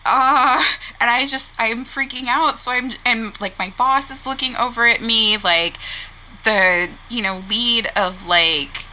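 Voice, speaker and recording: A woman's voice: fairly high pitch, a little slow, sharp tone, poor audio. A young adult woman hosting a podcast, telling a story in a rambling casual way, full of "like" and "you know". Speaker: podcast host.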